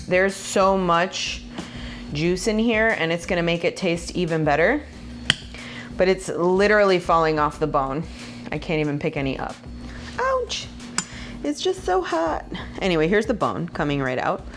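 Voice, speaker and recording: Faint music plays behind a woman in her thirties with a lowish, somewhat bright voice who speaks animatedly at a measured pace. A Spanish-first cooking vlogger of Puerto Rican and Mexican heritage, she demos a dish casually in her home kitchen, chatting, joking, and laughing with viewers.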